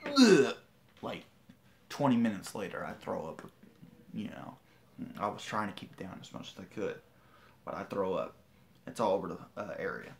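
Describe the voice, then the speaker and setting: Teen male vlogger, lowish voice, rambling and indignant livestream storyteller. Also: expressive, moderate pace, vocal fry, long pauses, slight background noise. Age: teens.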